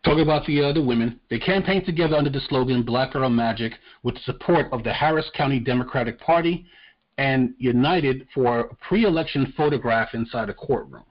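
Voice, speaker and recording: A man from Long Island co-hosting a casual podcast, talking in a measured, deliberate way and reading news excerpts aloud. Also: medium pitch. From Long Island, New York. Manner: measured and deliberate, pausing to restart thoughts. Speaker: podcast co-host. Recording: dull lo-fi podcast audio.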